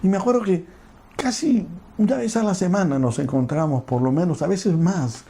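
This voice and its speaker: A man preaching as a pastor, telling a personal story earnestly and leading into a hushed prayer. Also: sits high, moderate pace, a little hiss or hum. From Peru.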